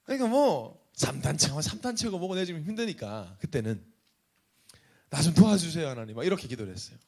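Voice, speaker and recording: A man's voice: high-pitched, a little mellow, husky. A young adult man, a pastor, preaching a conversational sermon with rhetorical questions.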